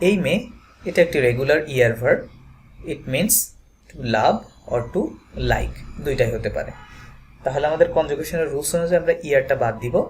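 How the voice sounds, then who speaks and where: A man teaching a French lesson, slowly and patiently repeating verb forms aloud. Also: fairly high pitch, expressive, a little hiss or hum. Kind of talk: classroom lesson.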